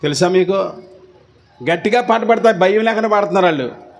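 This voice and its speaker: A man's voice: high-pitched, fairly quick, vocal fry. A man with a Telugu accent preaching a sermon as pastor, firing rhetorical questions and urging the crowd to answer back. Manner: rhetorical questions and repeated call-and-response urging.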